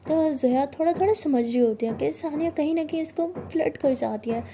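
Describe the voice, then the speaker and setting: A woman's voice: sits high, brisk, mellow, a little hiss or hum. A woman casually narrating a romance story in a chatty retelling style. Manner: chatty retelling, self-correcting.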